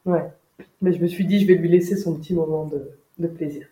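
A woman's voice: lowish voice, steady tone, fairly quick, dark tone. A woman telling her side of a personal story in an interview, reflective, with fillers. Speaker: guest.

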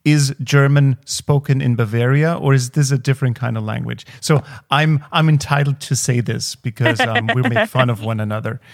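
A man leads a relaxed interview, his voice gravelly with plenty of fry. He talks at a middling pitch and pauses often on fillers as he works out his questions. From Austria. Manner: hesitant, many fillers. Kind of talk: casual interview.

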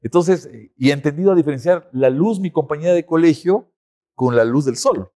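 A man, a podcast guest explaining things in an animated, conversational way. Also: fairly high pitch, brisk. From Ecuador. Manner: animated explainer, lifts his voice to act out quotes. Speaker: guest expert.

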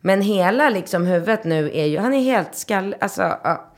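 A woman in her thirties from Sweden, co-hosting a casual chat and telling stories with animated, loud acted-out quotes. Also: mid-range voice. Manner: lively storyteller, acts out quotes loudly. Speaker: podcast co-host.

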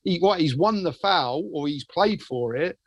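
A man's voice: on the high side, expressive, unhurried, dry recording, clean studio sound. A British man in casual football chat, explaining his view as a fan on a panel.

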